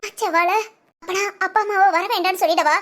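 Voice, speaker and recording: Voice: extremely high pitch, fairly even intonation, a little fast, fairly bright tone. A performer voicing a frightened young married woman in a cartoon family drama, pleading and anxious. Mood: fearful. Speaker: daughter-in-law.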